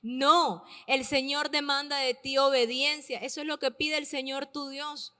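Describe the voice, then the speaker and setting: Female preacher, high pitch, emphatic and repetitive delivery, long hall reverb. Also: steady tone, pushed and bright. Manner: emphatic, repeats key words slowly for stress. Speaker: preacher addressing youth and parents. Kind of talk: sermon.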